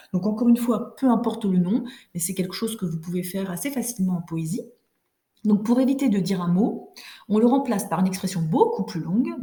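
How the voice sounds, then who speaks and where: A woman's voice: medium pitch, dark tone. A woman teacher giving a recorded lesson, explaining step by step and checking in with her pupils. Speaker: French teacher.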